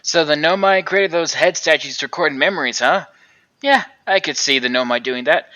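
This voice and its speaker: A man voicing a calm, bright-toned alien traveler. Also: on the high side, normal speed, highs cut off. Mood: musing. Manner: laid-back, musing, gently teasing. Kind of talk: reading game dialogue aloud on a live stream.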